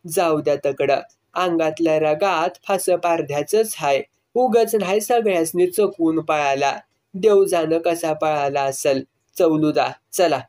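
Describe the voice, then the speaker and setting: Male narrator doing a gruff rustic braggart, somewhat high-voiced. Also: darkish tone, natural voice. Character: boastful rough village man, proud and fearless.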